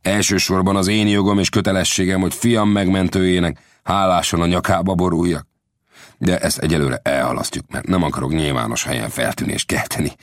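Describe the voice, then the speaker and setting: A man's voice: deep voice, steady tone, no echo, clean studio sound, natural voice. A man voicing a cautious, widowed middle-aged blacksmith in an audiobook, earnest and warning. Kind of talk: audiobook character voice.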